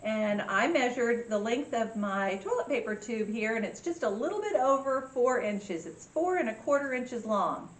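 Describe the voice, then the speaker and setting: A woman's voice: a little high, expressive, normal speed, few pauses. A woman presenting a step-by-step craft tutorial for children, with simple instructions and a cheery children's-host way of talking. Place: indoor room with echo. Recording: echoey room with faint background noise.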